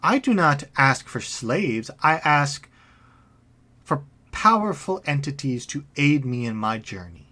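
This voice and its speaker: A man voicing an eerie, faceless female spirit that collects souls, speaking in a calm, sing-song, menacing way. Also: fairly high pitch, a little slow, exaggerated voice.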